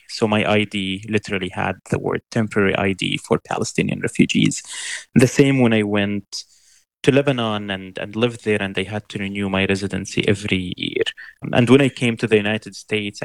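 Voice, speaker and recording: A young man from Syria, answering interview questions in an earnest, measured way with frequent restarts. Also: on the low side, vocal fry, no echo. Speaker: interview guest.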